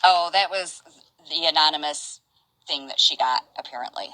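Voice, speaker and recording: An older woman casually chatting on a stream, reading out messages in a halting, rambling way. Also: low voice, bright, forceful tone, dry recording, rough recording. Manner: rambling, halting, restarts and asides.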